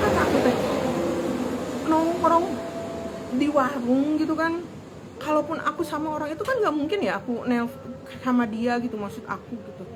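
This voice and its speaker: A woman's voice: on the high side, a little hiss or hum, low-quality recording. A young woman, chatting about a relationship with an aggrieved tone and quoting past arguments. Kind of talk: personal storytelling.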